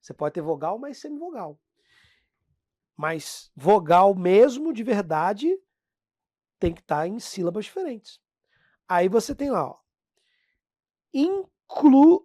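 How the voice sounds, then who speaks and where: A Brazilian woman teaching Portuguese grammar in a slow, unhurried way, her pitch rising and falling with lively energy. She addresses her students directly and stretches out the example words. The sound is dry and close, with no room echo. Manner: lively, talks to the class as "pessoal", drags out example words slowly. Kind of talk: classroom lesson explaining phonetics.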